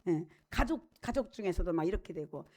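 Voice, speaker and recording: A woman's voice: fairly low pitch, expressive, brisk, a little mellow. A woman pastor preaching a sermon in a conversational, emphatic way, asking her listeners questions, repeating key phrases and acting out prayers. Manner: conversational, asks the congregation questions; acts out prayers and quoted speech.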